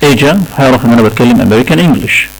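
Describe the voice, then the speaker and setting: A man's voice: medium pitch, animated, racing, gravelly, poor audio. A man with an Egyptian Arabic accent lecturing a class on English pronunciation, repeating key points and checking in with the students. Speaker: English teacher.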